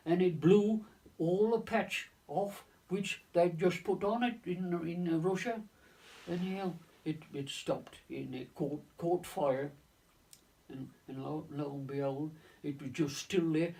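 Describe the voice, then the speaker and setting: A man in his nineties, a navy veteran recounting his wartime service in an oral-history reminiscence, halting and full of restarts and repeated words. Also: high voice, creaky, mellow. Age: 90s. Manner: leans on stock phrases like "of course" and "lo and behold". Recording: voice distant from the mic.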